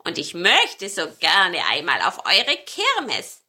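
A sly, wicked stone marten, as a woman storyteller puts him on, growling and gloating over his schemes. The voice is bright and lively, swooping up and down, in a children's storybook reading. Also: lowish voice, slow pace, heavily acted. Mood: sweetly lying.

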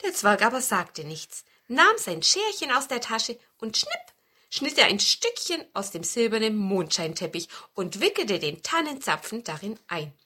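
Lively woman reading a fairy tale. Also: a little high, unhurried, husky. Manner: expressive, lively storytelling. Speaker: storyteller.

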